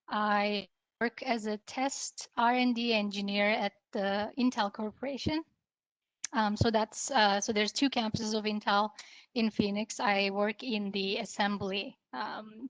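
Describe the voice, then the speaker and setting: A woman's voice: on the high side, no echo, low-quality recording. A woman engineer from Turkey, introducing herself casually on a video call with many hesitations. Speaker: engineer panelist.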